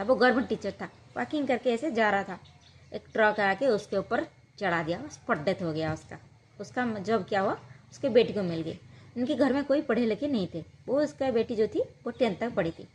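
Female storyteller, higher voice, casual and rambling delivery full of fillers, telling a true-life tale. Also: darkish tone, husky. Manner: rambling, colloquial, with many fillers and "what happened next" asides.

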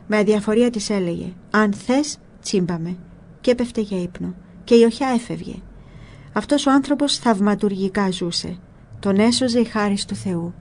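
A woman narrating a spiritual book in a calm, measured storytelling voice. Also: medium pitch, a little hiss or hum.

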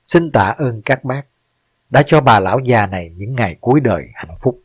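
A man's voice: mid-range voice, expressive, moderate pace, slightly rough, no echo. A man voicing an elderly widow who humbly recounts her life and gives thanks. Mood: heartfelt. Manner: humble, heartfelt storytelling. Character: elderly northern woman, grateful widow.

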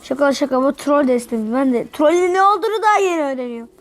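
A woman giving live commentary over her own mobile game, excitable and yelling at her opponent. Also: sits high, fast talker.

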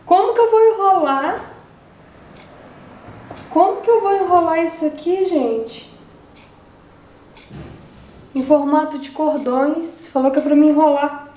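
A young Brazilian woman hosts a casual cooking vlog, chatting to viewers in an exasperated way while she cooks in her home kitchen. Her voice is high and warm, unhurried, with frequent pauses. The recording is rough, with a roomy sound.

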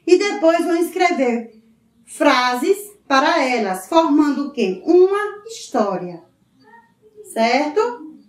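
A woman teacher with a Brazilian Portuguese accent giving a lesson to schoolchildren, drawing out words slowly and asking "certo?" again and again. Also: high-pitched, big pitch swings. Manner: slow, drawn-out syllables, often checks with "certo?". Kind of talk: recorded school lesson for children. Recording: roomy, mic at a distance.

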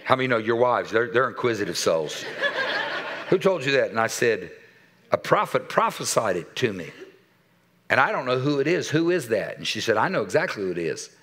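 A man in his sixties preaching a sermon in a church, telling a story with animated quoted dialogue and dropping to a soft voice for serious points. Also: mid-range voice, brisk. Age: 60s. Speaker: pastor. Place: church sanctuary.

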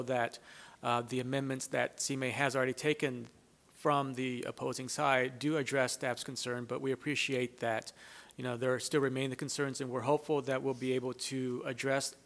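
A man's voice: mid-range voice, vocal fry, a bit bright. A man giving a polite, formal public comment at a board meeting, with some hesitant fillers. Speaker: public commenter for a bill's sponsor.

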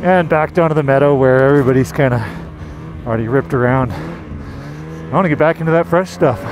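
This is a Canadian man, a magazine editor, chatting eagerly and casually about the snowmobile he's testing in deep forest snow. He talks a little fast with vocal fry while music plays in the background. His helmet-mounted camera picks up the engine and the wind.

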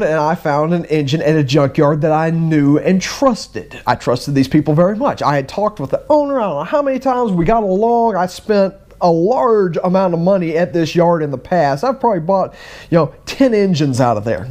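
A middle-aged man telling a personal story in a casual, animated way, acting out both sides of conversations. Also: on the high side, fairly quick. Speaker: vlogger.

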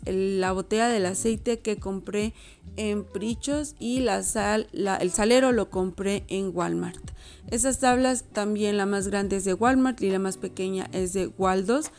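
Woman, 30s, casual vlog voice-over, mid-pitched, soft music underneath. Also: a little slow. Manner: chatty, self-correcting, addresses viewers as girls. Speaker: home decor vlogger.

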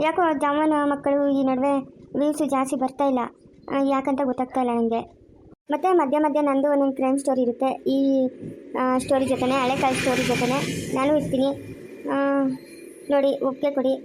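A woman's voice: sits high, level tone, a little fast, long pauses, a little mellow, a little hiss or hum. A woman channel host with a rural Karnataka accent, chatting casually and asking viewers for comments. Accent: rural Karnataka Kannada.

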